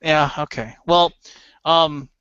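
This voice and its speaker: A man co-hosting a casual board game webcast, rambling and excitable with lots of restarts. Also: on the high side, slow pace, clean tone, dry recording, highs cut off. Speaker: co-host. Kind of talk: casual chat.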